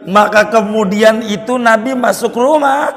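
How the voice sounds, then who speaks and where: A male Islamic preacher, telling a story in a sermon with jokey asides and sudden loud bursts. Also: high-pitched, unhurried, faint music behind. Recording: reverberant hall.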